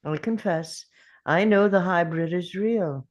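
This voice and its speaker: A performer playing a brooding, clever time-travelling alien man in a dramatic table read, speaking in a theatrical, deliberate way as if pondering aloud. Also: mid-range voice, natural voice. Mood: grave, confessional.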